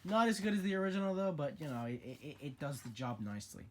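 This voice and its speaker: A man's voice: on the high side, fast. Chatty young man showing off movies. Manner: opinionated, chatty, with frequent restarts. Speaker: vlogger showing his movie collection. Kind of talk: casual collection showcase vlog.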